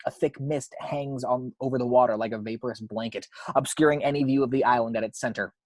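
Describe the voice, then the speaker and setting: A man reads the action description of a screenplay in a measured, suspense-building way. His medium-pitched voice holds a steady tone and is recorded dry, with no echo or room sound.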